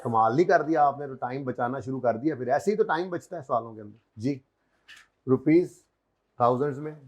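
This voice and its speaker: A man's voice: mid-range voice, brisk. A man teaching an accounting class in a conversational way, quizzing his students and teasing them lightly, with a Pakistani Urdu accent. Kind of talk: classroom lecture. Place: classroom with a board.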